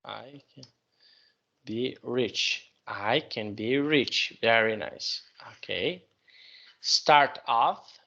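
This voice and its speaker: A man's voice: medium pitch, very slow, gravelly, bright, forceful tone, lo-fi sound. A man teaching English online, patiently prompting his student and correcting her sentences.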